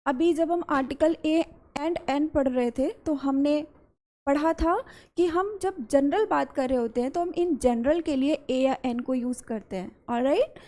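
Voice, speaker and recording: In a warm tone and at a measured pace, a high-voiced woman teaches English grammar in classroom style. She has an Indian English accent and blends Hindi with English. Key words come up again and again as she works through each step.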